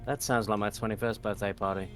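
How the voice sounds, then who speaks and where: A man's voice: on the low side, steady tone, fast, over music. Wisecracking man in casual game chat. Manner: slangy, wisecracking. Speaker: player in a tabletop game.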